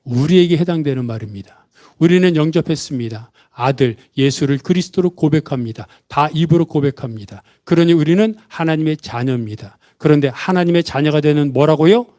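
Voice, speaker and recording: Male pastor, high-pitched, lively sermon, voices the characters he quotes. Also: fairly quick. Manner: asks the congregation questions and has them repeat after him; acts out the father's and son's words in quotes. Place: church.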